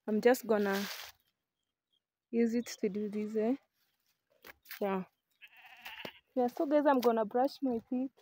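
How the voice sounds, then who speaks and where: A woman's voice: a little high, a little mellow, a little hiss or hum. A young woman, chatting casually to her phone camera as she walks around a rural farm. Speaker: village life vlogger. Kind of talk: casual vlog narration. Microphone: phone camera held at arm's length.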